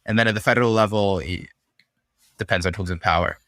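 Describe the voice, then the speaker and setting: A young man from Syria, a podcast guest, talking through ideas in a relaxed, thoughtful way with frequent fillers. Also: fairly low pitch, quick pace, dry recording, clean studio sound. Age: young adult. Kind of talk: casual conversational interview.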